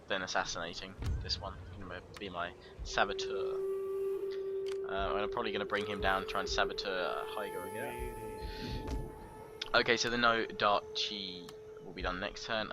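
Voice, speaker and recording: A low-voiced man talks his way through a strategy campaign in a loose, rambling way. He jokes at his own expense and trips over unfamiliar names, while the game's music plays clearly under him. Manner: rambling, self-mocking, stumbles over foreign names. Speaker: gamer narrating a strategy campaign. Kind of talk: casual let's play commentary. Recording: game music behind the voice.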